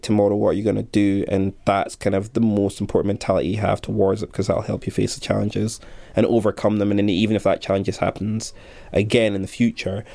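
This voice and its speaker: A man's voice: fairly low pitch, gravelly, mellow. Earnest young male primary teacher. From Scotland. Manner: earnest, measured and thoughtful. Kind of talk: reflective interview talk.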